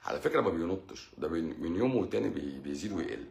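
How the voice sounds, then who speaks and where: A man's voice: sits low, very animated, racing, creaky, darkish tone, roomy sound, a little hiss or hum. A man with an Egyptian Arabic accent hosts a live stream as a doctor, answering viewer questions in a blunt, teasing, lecturing way.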